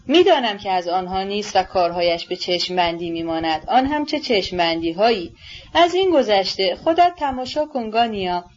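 A woman's voice: mid-range voice, expressive, close to an everyday voice. A woman voicing a spirited young woman who pleads with her brother in an agitated way, in a storybook reading on a dull recording. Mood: pleading.

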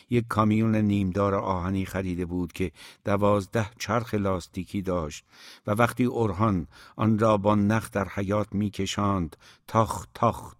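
A man reading a novel aloud as an audiobook narrator, in a measured, even storytelling manner. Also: lowish voice, no room sound, clean studio sound.

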